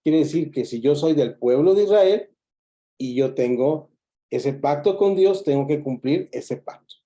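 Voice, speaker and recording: Mellow-voiced man teaching a Bible class. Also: on the high side, lively intonation, a little slow. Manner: explanatory, repeats key points and restarts words. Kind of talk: classroom lecture.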